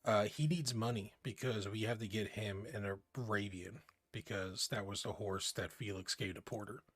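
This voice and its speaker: A man's voice: lowish voice, moderate pace, a bit bright, dry recording. A man streaming a tabletop game, chatting casually and rambling through the week's plans, with some swearing.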